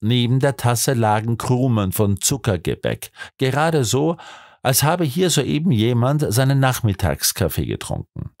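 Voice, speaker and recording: A man narrating a detective audiobook in an expressive storytelling manner. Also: mid-range voice, unhurried, no room sound, studio quality. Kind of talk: scripted narration.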